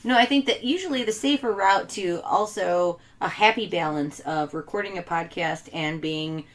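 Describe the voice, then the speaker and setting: Chatty woman with a lowish voice. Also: moderate pace. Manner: chatty, filler-heavy, lots of "like". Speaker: podcast co-host. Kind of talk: casual chat.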